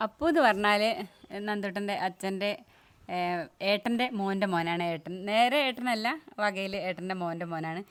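A woman's voice: medium pitch, normal speed, clean tone. A woman chatting casually as a family member in a home vlog. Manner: chatty, explaining family ties.

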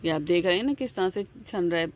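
A fast talker with a lowish voice, this woman hosts a home cooking video. She chats her way through each step casually, repeating herself and restarting often, with plenty of "aa" fillers.

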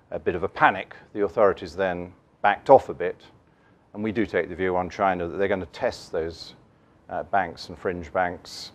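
A middle-aged man giving a keynote on markets from a lectern, measured and dotted with fillers and restarts. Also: deep voice. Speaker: investment keynote speaker. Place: conference room, standing at a lectern.

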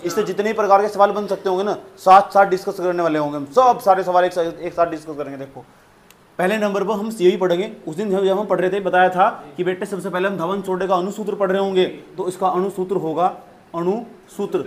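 A man's voice: high-pitched, steady tone, fast talker. A man teaching a science class, repeating key terms and quizzing his students as he goes. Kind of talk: classroom lecture.

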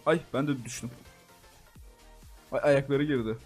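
A young man giving casual, excitable commentary as he plays a game and talks to his viewers. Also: mid-range voice, unhurried, soft background music. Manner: excitable, talks to viewers as "gençler", frequent laughs and exclamations. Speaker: gaming YouTuber. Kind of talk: casual Minecraft let's-play commentary.

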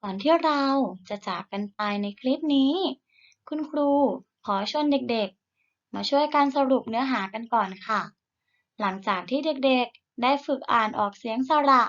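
A woman teacher leads a recorded reading lesson for young pupils. She models each sound slowly and clearly and speaks warmly to encourage them. Her voice sits a little high, and the recording sounds slightly muffled. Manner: slow, deliberate modelling of sounds for repetition; gentle, encouraging tone to children. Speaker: primary school teacher.

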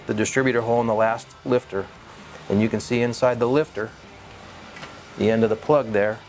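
A man, a head engine builder, calmly walks through a shop how-to demonstration in plain, measured technical terms. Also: medium pitch.

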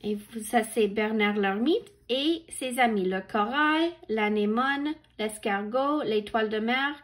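A woman reading a picture book aloud to children, pausing to point out the pictures, count along and correct her own misreadings. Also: on the high side. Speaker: children's story reader.

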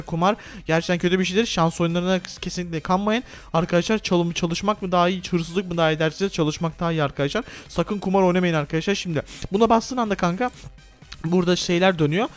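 A young man hosting a playful gameplay video, excitable and quick to yelp and gasp as he talks to his viewers. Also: high voice. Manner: excitable, yelps and gasps on the rides. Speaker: gaming video host. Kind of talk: playful gameplay role-play commentary.

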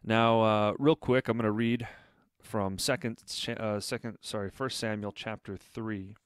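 A man's voice: on the low side, fairly even intonation, a little slow, clean tone, no echo, clean studio sound. A man giving critical commentary in an earnest way, often stopping with fillers and restarting. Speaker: online commentator.

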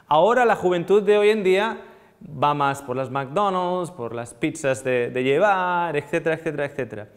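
A man in his thirties giving a live nutrition seminar to a seated audience, animated and often asking the room questions, on a lapel mic. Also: fairly high pitch, moderate pace, long reverb tail. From Spain. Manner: animated, asks the audience questions, gestures a lot. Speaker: nutrition lecturer.

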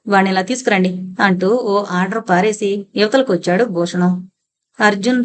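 A woman narrates a suspense thriller audio novel. Her reading is steady and clear, and she carries the story along at an even pace. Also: mid-range voice.

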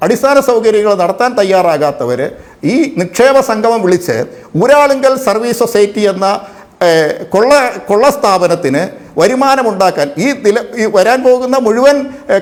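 Man, high-pitched voice, TV debate panelist, forceful, rhetorical questions, halting fillers. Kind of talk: televised political debate.

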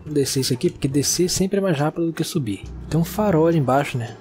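A young man with a Brazilian Portuguese accent, excitedly narrating a video game and talking to its characters. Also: a little high, fast talker, a little hiss or hum. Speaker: gaming YouTuber. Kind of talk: let's-play commentary.

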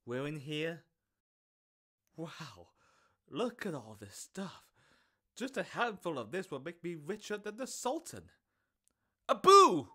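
A young man voicing a cocky but kind street thief who talks in a casual, quick-witted, joking way. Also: fairly high pitch. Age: young adult.

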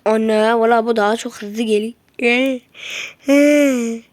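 A woman with a high voice talks through a game she is playing, in no hurry between bursts. She yelps at threats, shoos enemies away with slangy jabs and drops to muttering to herself. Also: fairly even intonation, unhurried, a little mellow, dry recording. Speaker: gameplay streamer. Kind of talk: live gameplay commentary.

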